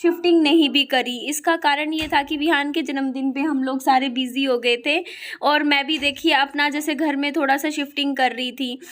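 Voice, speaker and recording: A woman from Haryana talks to her vlog viewers in a bright, high voice that sits well above most women's. Her throat is sore, and she chats on quickly, filling every gap with small fillers. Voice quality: high-pitched voice. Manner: chatty, full of fillers, talks fast. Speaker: family vlogger. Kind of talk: casual vlog chat to viewers.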